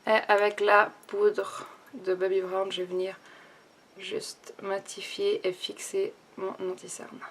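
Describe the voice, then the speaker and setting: A young woman talking casually through a makeup tutorial and review, thinking aloud with many pauses and restarts. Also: mid-range voice, little pitch movement, a bit bright, a little hiss or hum. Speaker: beauty vlogger.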